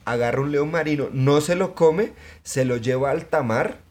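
A man, co-hosting a podcast in casual chat, talking in an excitable, emphatic way with plenty of swearing. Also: fairly high pitch, normal speed. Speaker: podcast co-host.

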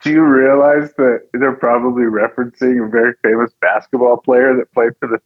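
A man's voice: mid-range voice, breathy edge. A man co-hosting a podcast, chatting casually, laughing easily and reacting with energy. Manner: quick to laugh, animated reactions. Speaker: podcast co-host. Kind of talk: casual chat. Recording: slightly dull, muffled sound.

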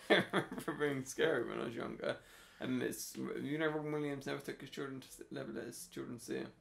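Gravelly-voiced man co-hosting a podcast. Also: mid-range voice, steady tone, a little fast, a bit bright. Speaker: podcast co-host. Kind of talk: casual film podcast chat.

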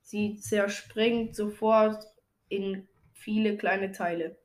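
A woman's voice: mid-range voice, fairly even intonation, takes it slowly, a little mellow. A woman reading jokes aloud carefully, with small restarts. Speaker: co-host telling jokes.

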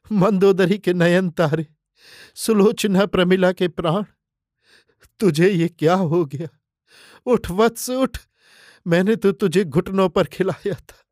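A man's voice: high voice, a little mellow, no echo, clean studio sound, voice pushed up. A man voicing a grieving demon uncle who weeps and laments over his dead nephew, in a dramatic audiobook reading. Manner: wailing, lamenting.

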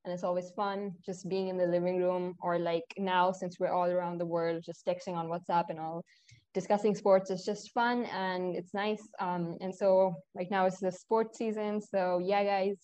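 A young woman hosts a relaxed podcast. She rambles in a friendly, chatty way and speaks directly to her listeners. She often stops to fix her own words mid-sentence. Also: on the low side, normal speed. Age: young adult. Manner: chatty, addresses listeners directly, self-correcting. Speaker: podcast host. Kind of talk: casual podcast chat.

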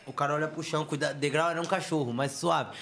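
A man, telling stories in slangy, animated casual chat. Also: fairly high pitch, fast talker, creaky, slight background noise. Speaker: interviewee.

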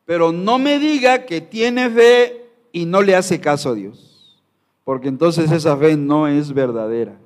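A man's voice: fairly high pitch, measured pace. A male pastor preaching a sermon to his congregation, emphatic and full of rhetorical questions. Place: church sanctuary.

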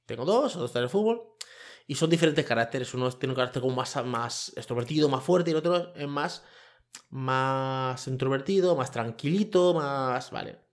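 A man's voice: mid-range voice, animated, moderate pace. A man, hosting a podcast as a colloquial, rambling opinion monologue into a microphone. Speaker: podcast host. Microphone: microphone with camera.

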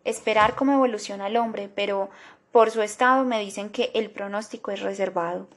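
A patient male doctor who gives hard news plainly, voiced by a woman. His tone barely moves, flat and even. The pitch stays in a middle register. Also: fairly quick, natural voice. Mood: grave. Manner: patient, matter-of-fact. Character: patient man, a doctor friend.

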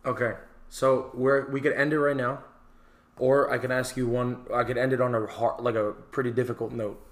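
A man hosting a casual podcast with friends, talking in halting starts and repeated words. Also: medium pitch, flat delivery, reverberant. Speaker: podcast host. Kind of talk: casual chat.

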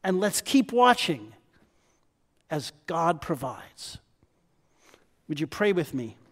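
Slow-speaking high-voiced male preacher. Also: very animated. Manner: emphatic preaching with repeated proclamations. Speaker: pastor. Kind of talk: sermon.

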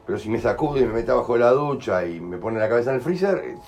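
A man's voice: medium pitch, lively intonation, quick pace, darkish tone, soft background music, rough recording. A man with a Uruguayan Spanish accent leading an in-person healing talk, explaining with acted everyday examples and frequent checks for understanding. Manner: colloquial, explains with acted examples and asks ¿entendés?. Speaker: healing workshop leader. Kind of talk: in-person talk to a small group.

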